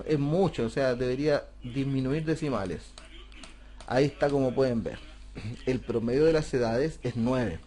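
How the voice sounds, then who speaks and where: A man talks through a spreadsheet lesson step by step. His voice sits a little high, and he keeps checking in with rhetorical questions. It sounds like a close desk or headset mic on a screen recording. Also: darkish tone. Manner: patient, step-by-step explaining, asks rhetorical questions. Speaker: computer class teacher. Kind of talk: screen-recorded software tutorial.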